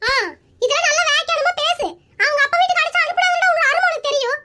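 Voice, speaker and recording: A woman voicing a quick-tempered elderly mother-in-law in a cartoon skit, scolding and whiny. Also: steady tone, sharp tone. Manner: shrill, scolding and wailing.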